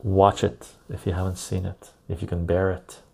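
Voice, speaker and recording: A man's voice: deep voice, flat delivery, normal speed, creaky, dark tone. A man hosting a casual live stream, chatting to viewers and repeating phrases for emphasis, recorded on a clip-on lapel mic. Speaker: live stream and podcast host.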